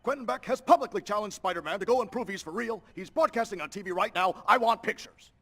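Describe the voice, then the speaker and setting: An irascible newspaper boss in a video game. He barks orders very fast in a high, sharp voice. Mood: irate. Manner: barking, brusque.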